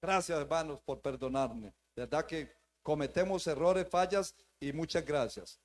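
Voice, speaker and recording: Male pastor, high voice, preaching emphatically to a live congregation and repeating his key phrases. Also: normal speed. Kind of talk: sermon. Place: church, before a live congregation.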